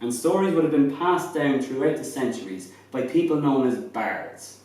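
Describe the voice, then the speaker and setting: A man's voice: medium pitch, lively intonation, normal speed, darkish tone. Lilting Irish storyteller man in an echoey room. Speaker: traditional Irish storyteller and poet, interview guest. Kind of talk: oral storytelling and conversational explanation. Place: reverberant room, away from the mic. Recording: echoey room, distant from the mic.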